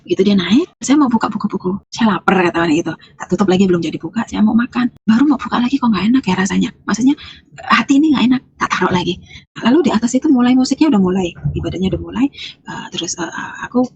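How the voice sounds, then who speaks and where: A woman's voice: medium pitch, expressive, rapid-fire, a little mellow, slight background noise. A woman from Lampung, Indonesia, giving a conversational faith testimony as an interview guest. She rambles with fillers and restarts, and acts out both sides of the conversations she recalls. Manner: retells events by acting out both sides of the dialogue. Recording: dull, muffled lo-fi recording.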